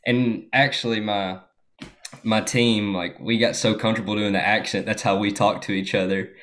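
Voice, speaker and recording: This young man from the United States is a guest chatting casually, spinning a laid-back story full of filler words. He speaks at a moderate pace with a lowish voice.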